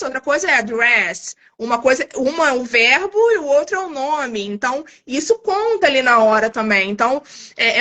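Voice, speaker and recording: A woman's voice: high voice, pushed and bright. A woman guest on a live stream, explaining an exam in a chatty way, often tagging her sentences with little questions. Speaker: guest, TOEIC course creator.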